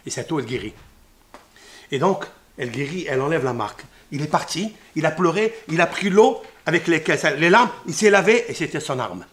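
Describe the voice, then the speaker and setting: A man giving a religious lesson on scripture, sprinkling Hebrew terms into his talk and swinging from hushed murmurs to loud exclamations. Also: on the high side, lively intonation, a little fast. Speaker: Torah teacher.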